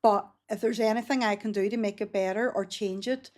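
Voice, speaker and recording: A woman's voice: medium pitch, fairly even intonation, fairly quick, a little mellow. A woman, a business founder talking frankly in a casual interview. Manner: frank and earnest, with frequent 'um' and restarts. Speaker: business founder, podcast guest.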